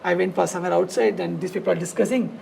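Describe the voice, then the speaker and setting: A man with a South Indian accent and a gravelly, creaky voice, telling his story conversationally in loose, fragmented, repetitive phrases. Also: high voice, steady tone, very fast, darkish tone, slight background noise. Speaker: dance studio founder and teacher, podcast guest.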